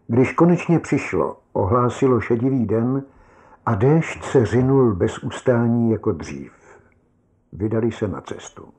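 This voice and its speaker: A man narrating a short story in a measured, calm audiobook reading. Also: medium pitch.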